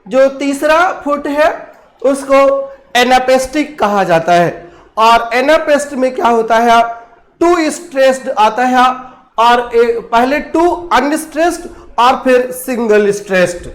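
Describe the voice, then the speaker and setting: High-voiced, slow teacher. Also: male voice. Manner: slow, drawn-out recitation of verse lines, quizzing students. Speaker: English literature teacher. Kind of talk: exam-prep lecture in Hindi and English.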